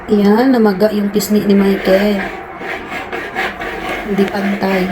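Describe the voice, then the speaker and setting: A Filipino mother vlogs at home indoors, chatting playfully and coaxingly with her young children in a sing-song way. Her medium-pitched voice is flat and measured, heard over loud music in a noisy home recording.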